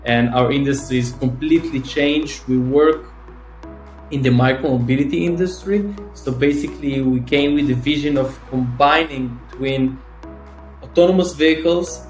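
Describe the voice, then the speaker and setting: A man's voice: medium pitch, moderate pace, darkish tone. Israeli founder in his thirties, roomy sound. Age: 30s. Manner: fillers and restarts, eager, slightly non-native phrasing. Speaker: startup founder, guest. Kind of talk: casual interview chat. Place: home or office in Tel Aviv. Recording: roomy call audio with faint music.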